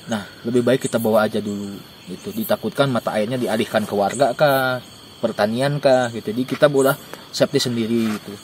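A young man giving joking, animated camping tips outdoors in a dark forest at night, recorded by a camera a few steps away. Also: medium pitch, fairly quick, slight background noise. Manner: joking, animated, gestures while talking. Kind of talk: casual outdoor interview. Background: faint insects and crickets.

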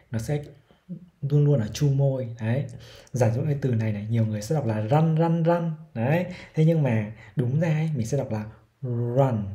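A man with a Vietnamese accent giving a casual pronunciation lesson, slowly demonstrating sounds and repeating example words. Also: mid-range voice, warm tone, muffled recording. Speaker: English pronunciation teacher.

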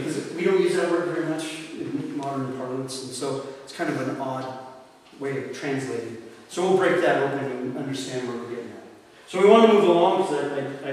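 A man, a deacon, teaching scripture to a parish group in an emphatic way, restating points and asking rhetorical questions. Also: medium pitch. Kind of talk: church talk, teaching. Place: parish hall or church. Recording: roomy hall, distant mic, faint hiss.

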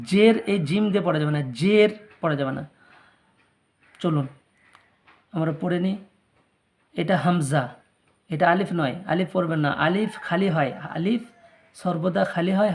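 A Quran reading teacher leading a slow letter-by-letter drill, spelling out syllables and repeating each word, with quick, quieter asides explaining the rules. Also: medium pitch, vocal fry. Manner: spells out syllables, then repeats whole words.

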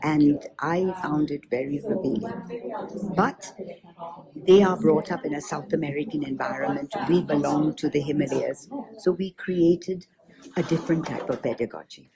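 Older woman, gravelly voice, busy background. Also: sits low, moderate pace, a crowd in the background, rough recording. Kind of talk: recorded message.

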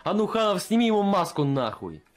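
A man with a fairly high voice that swings widely in pitch, playing a police captain over game voice chat. He is loud, profane and aggressive as he interrogates, and he piles on threats. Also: very animated, fairly quick, faint music behind.

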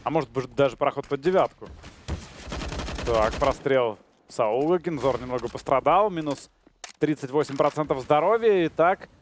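A man's voice: medium pitch, lively intonation, normal speed, noisy background. A man co-casting an esports match, giving live commentary and analysis. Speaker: esports co-caster.

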